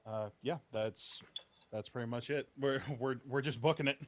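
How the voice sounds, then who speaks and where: A man's voice: medium pitch, moderate pace, a little hiss or hum. A man playing a tabletop game, casually introducing his character with frequent uhs. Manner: relaxed, many uhs. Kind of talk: casual chat describing a character.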